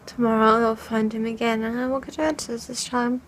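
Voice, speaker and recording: A woman's voice: a little high, level tone, slight background noise, natural voice, rough recording. A woman playing a frightened, whispering young woman. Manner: hushed, halting, often whispering. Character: frightened young woman haunted by dreams of falling. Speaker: vlogger. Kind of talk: in-character fan fiction vlog. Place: at home. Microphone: camera mic.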